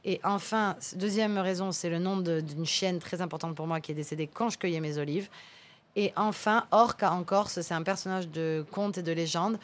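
Young woman with a lowish speaking voice. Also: normal speed. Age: young adult. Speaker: guest, farm-tourism entrepreneur and singer. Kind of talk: casual interview chat.

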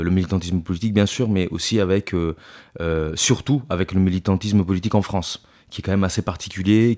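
A man's voice: deep voice, darkish tone. A man in his thirties, from Italy, talking as a podcast guest in a loose, hesitant way with many fillers and restarts. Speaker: podcast guest, climate activist. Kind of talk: casual interview talk.

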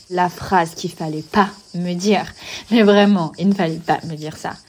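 A young adult woman hosting a podcast, telling a personal story in a casual, animated way, with slang and frequent asides to the listener. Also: on the low side, measured pace. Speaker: podcast host.

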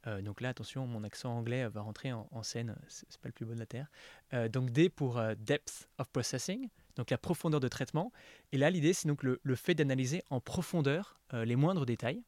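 A man hosts a podcast conversation, asking his guest questions and explaining ideas in a relaxed, careful way. His voice sits at a mid pitch, close on a studio mic with a dry, dead sound. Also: a little fast, no echo. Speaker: podcast host, interviewer. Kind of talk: casual podcast interview.

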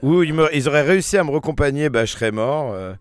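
A man's voice: a little high, expressive, fast, smooth. A young man casually telling a long personal story in slangy speech, with fillers and restarts. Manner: slangy, rambling anecdote with filler words.

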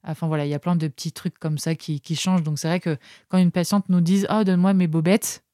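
A young French nurse telling anecdotes in a casual, hesitant way, pausing often with filler sounds. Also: female voice, deep voice, steady tone, warm tone, dry recording, studio quality. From France. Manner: hesitant, many filler pauses. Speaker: nurse, interview guest.

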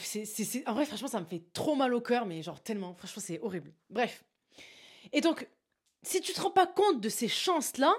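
Young adult woman, slightly high pitch, casual motivational monologue to camera, animated and direct. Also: breathy edge. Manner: emphatic, animated, addresses the listener with frequent "tu vois". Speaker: motivational vlogger.

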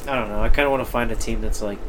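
A man's voice: on the low side, steady tone, rapid-fire. A young American man chats casually about sports in slangy frat-bro style. He swears freely, and there is some room noise behind his voice. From United States, Midwest. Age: young adult. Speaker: sports podcast host.

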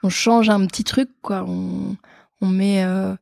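A woman's voice: medium pitch, fairly even intonation, takes it slowly, gravelly, darkish tone, dry recording, clean studio sound. A woman, a fundraiser guest on a podcast, speaking casually with many fillers. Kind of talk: casual interview.

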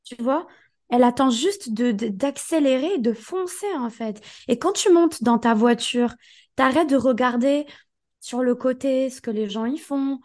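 Hoarse woman with a somewhat high voice, co-hosting a podcast, coaching with emphatic direct talk. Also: unhurried, darkish tone. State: hoarse, partly lost voice. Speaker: podcast co-host. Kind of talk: casual motivational podcast chat.

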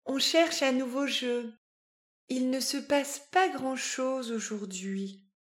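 A woman voicing a cheerful, gentle little boy in a children's storybook, with a bright, eager delivery. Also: high-pitched, slow, pitched above the performer's own voice. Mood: playful.

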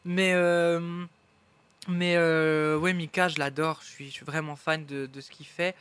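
Bright, high-voiced man. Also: level tone, a little slow, slight background noise. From Belgium. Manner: enthusiastic, rambling with frequent restarts. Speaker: guest singer. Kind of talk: casual interview chat. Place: restaurant.

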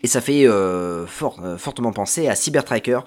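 A man's voice: mid-range voice, animated, moderate pace, darkish tone. Hesitant man chatting on a podcast. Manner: hesitant, many filler sounds and restarts. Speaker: podcast panelist. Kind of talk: casual podcast chat presenting a series.

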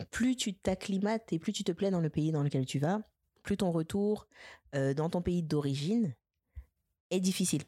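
A woman in her twenties from French Guiana, a podcast guest chatting casually, hesitant with many fillers and quick to laugh and tease. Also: sits low, dark tone. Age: 20s. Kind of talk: casual interview chat.

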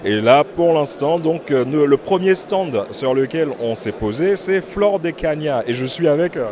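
A man hosting a podcast on site, talking in a relaxed, joking way with many hesitations. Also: on the high side, moderate pace. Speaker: podcast host. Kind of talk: casual podcast reporting on site. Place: indoor rum fair. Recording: loud crowd at a busy fair.

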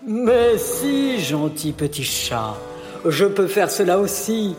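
A man playing a vain, boastful magician in an audio storybook, speaking slowly and proudly. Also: high voice, echoey room, in a large hall, soft background music. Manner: slow, proud, condescending. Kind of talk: storybook character acting.

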